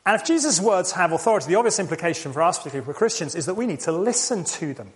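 A man's voice: high voice, big pitch swings, racing. A man preaching a sermon in a conversational way, asking rhetorical questions and repeating key lines.

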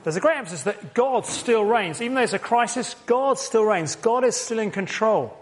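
A man preaching a sermon, reading scripture quietly and then asking pleading questions in a raised voice. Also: high-pitched, animated, normal speed, a little hiss or hum. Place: church meeting.

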